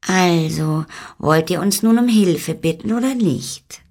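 A man's voice: vocal fry, a little mellow, exaggerated voice. A man voicing a tiny, scornful male fairy man who mocks the animals from a donkey's head. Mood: mocking. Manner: scornful, shrill and fast.

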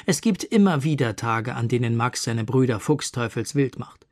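A narrator reading a children's story aloud in a calm, measured way. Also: mid-range voice, dry recording, clean studio sound.

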